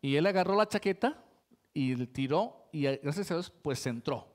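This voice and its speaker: A man with a rather high voice delivers a sermon to his congregation. He talks in a relaxed, conversational way, tossing frequent rhetorical questions to the listeners between his points. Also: normal speed. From Colombia. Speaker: pastor.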